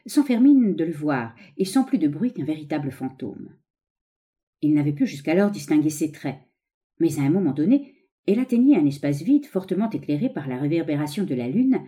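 A woman narrating a story aloud in a measured, expressive storytelling manner. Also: low-pitched. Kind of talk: scripted audiobook narration.

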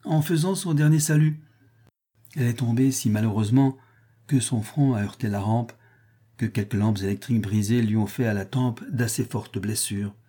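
A man reading the part of a calm, assured master detective, explaining in measured tones. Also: mid-range voice, breathy edge, natural voice.

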